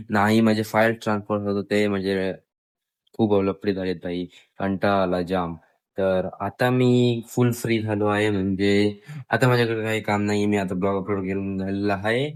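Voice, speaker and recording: A man's voice: on the low side, steady tone, measured pace, clear, resonant tone. A young man with a Marathi accent, chatting casually to his viewers in a daily vlog. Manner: chatty, addresses viewers as friends. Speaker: vlogger.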